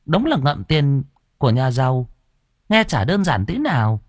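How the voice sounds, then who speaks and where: A spiteful village gossip sneers at a neighbour's misfortune in a thin, high voice, as a male narrator puts it on. The tone is mocking and sing-song. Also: big pitch swings, a little slow, no room sound, clean studio sound.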